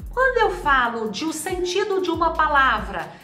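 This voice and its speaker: A woman teaching a grammar video lesson, drawing out example words slowly to stress their syllables. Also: high voice, sing-song, pushed and bright, echoey room, faint music behind.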